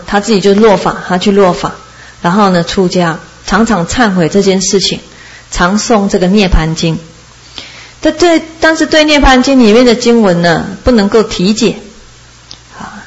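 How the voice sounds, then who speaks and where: A woman gives a Buddhist dharma talk, telling a long story. Her voice sits at an ordinary pitch for a woman. She tells it in an animated way and laughs often along the way. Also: lo-fi sound. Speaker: Buddhist teacher.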